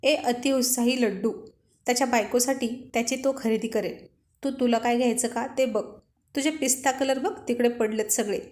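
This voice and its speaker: A woman's voice: a little high, fairly even intonation, moderate pace, darkish tone, roomy sound, natural voice. A woman doing a playful teasing young man. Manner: playful ribbing.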